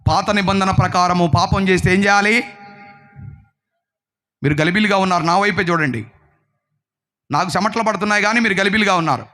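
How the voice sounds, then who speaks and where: High, forceful preacher man. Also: fairly quick, long pauses. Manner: emphatic, questions the congregation and urges replies. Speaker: pastor. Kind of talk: sermon.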